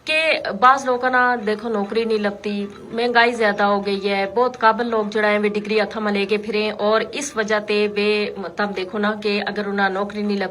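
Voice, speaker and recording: A woman's voice: medium pitch, fairly bright tone, a little hiss or hum. A woman hosting a radio call-in show, talking to listeners in an unscripted, explanatory, conversational way. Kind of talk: unscripted talk radio commentary.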